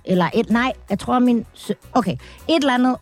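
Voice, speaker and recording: Gravelly-voiced woman in casual chat. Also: a little high, faint music behind. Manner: hesitant, many fillers, laughs often. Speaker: guest.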